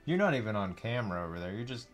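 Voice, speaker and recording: A man hosting a relaxed live stream who laughs and thinks aloud as he paints. His voice moves animatedly up and down. Faint music plays underneath. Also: fairly low pitch, rapid-fire. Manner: rambling and laughing, thinking aloud while working. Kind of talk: casual live stream chat.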